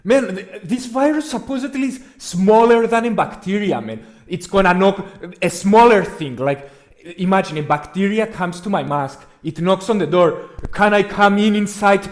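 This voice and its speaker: A man hosting a podcast in casual, rambling chat, crude and animated when joking. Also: high-pitched, normal speed. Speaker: podcast host.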